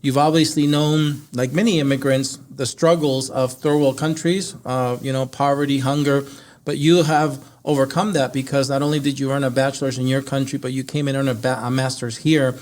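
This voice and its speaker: This male podcast host speaks English as a non-native speaker, chatting in a relaxed interview style. His pitch is medium and a little mellow, with a flat delivery at a moderate pace.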